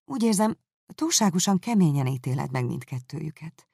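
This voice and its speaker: A woman reading a novel aloud, voicing a gentle, forgiving young woman in a soft, pleading manner. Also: low-pitched, sing-song, gravelly, slightly rough, no echo, clean studio sound, exaggerated voice.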